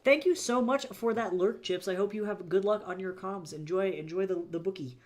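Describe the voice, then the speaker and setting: An indie fantasy author chatting casually on a live stream, rambling with lots of fillers and quick laughs. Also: medium pitch.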